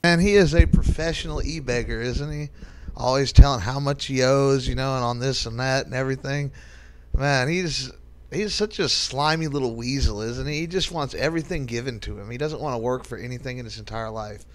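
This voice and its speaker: A man's voice: mid-range voice, fairly quick. A man hosting casual reaction commentary, rambling and blunt, with sarcasm and swearing. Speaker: commentary channel host.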